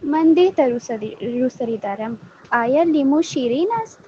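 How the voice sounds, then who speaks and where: Female student, high mellow voice, lo-fi noisy line. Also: lively intonation. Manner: asks simple questions slowly. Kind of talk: classroom practice dialogue. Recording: lo-fi with faint noise.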